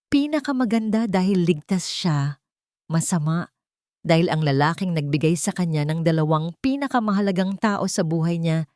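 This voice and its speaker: A woman with a Filipino accent narrates a scripted dramatic story. Her voice sits on the low side with a darkish tone, recorded cleanly in a studio with no echo.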